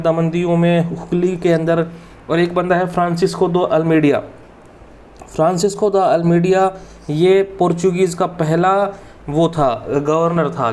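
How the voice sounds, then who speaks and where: Male tutor, slightly high voice, informal chatty lecture style. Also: darkish tone. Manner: chatty, addresses students as "bhai". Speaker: exam prep teacher.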